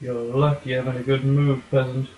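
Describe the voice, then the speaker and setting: A demanding, curt medieval lord played by a man in an amateur sock puppet show, bullying and threatening. The recording has a clear room echo. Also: medium pitch, level tone, moderate pace, narrow, tinny audio, a little hiss or hum, close to an everyday voice. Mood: menacing, demanding. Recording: echoey room.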